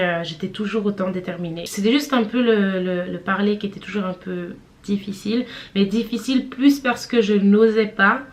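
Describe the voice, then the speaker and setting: A woman in her twenties telling a story to her viewers in a chatty, slangy vlog. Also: medium pitch. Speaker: vlogger.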